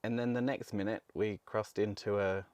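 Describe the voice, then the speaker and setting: A young man with a very low, deep voice co-hosts a podcast. He tells stories in an easygoing, descriptive way. The recording is close and dry. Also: normal speed, dry recording. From Australia. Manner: relaxed, descriptive storytelling. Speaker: podcast co-host. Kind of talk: casual chat.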